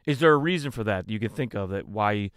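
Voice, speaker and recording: On a video call, a male podcast host asks questions in a rambling, jokey manner, restarting often during the casual interview chat. His fairly low voice has lively intonation and a slightly bright quality, and he speaks fairly quickly into a desk microphone.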